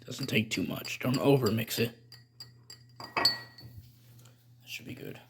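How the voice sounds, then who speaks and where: A man's voice: medium pitch, expressive, slow, gravelly, heavy background noise. A man playing a rambling, stammering middle-aged chemist cook in a comedic how-to tutorial. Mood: dry, instructive. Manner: rambling, stammering, self-correcting.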